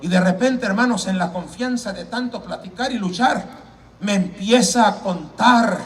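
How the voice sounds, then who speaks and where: Casting: evangelist, high tenor, shouting revival preacher, mic set back in the hall. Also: male voice, far from the mic. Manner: fervent preaching, often shouting, swings from loud to hushed. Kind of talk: evangelistic sermon. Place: church or campaign hall.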